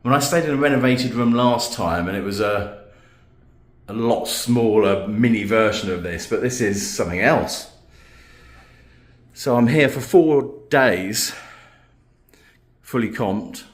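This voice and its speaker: A man's voice: fairly low pitch, a little slow, long pauses. A man giving a casual, unscripted vlog room tour in an appreciative, amused, understated way. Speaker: vlogger.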